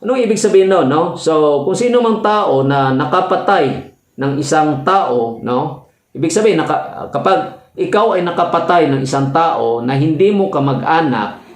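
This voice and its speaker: A male teacher giving a slow, informal lecture, checking in often with his listeners and pausing with fillers as he explains. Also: on the high side, animated. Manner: explains slowly with frequent "no?" checks and hesitations. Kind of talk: classroom-style legal lecture. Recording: echoey room.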